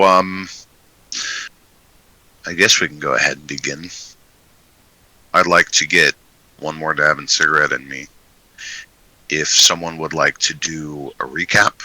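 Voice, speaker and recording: Deep, sharp-toned laid-back game master. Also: male voice, a little slow, long pauses, dry recording, low-quality recording. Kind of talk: running a tabletop game, casual chat.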